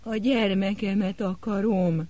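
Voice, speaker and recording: A man's voice: sits high, fairly even intonation, dark tone, voice pushed up, lightly acted. A man voicing a distraught young woman who whimpers and pleads in a broken voice. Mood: pleading.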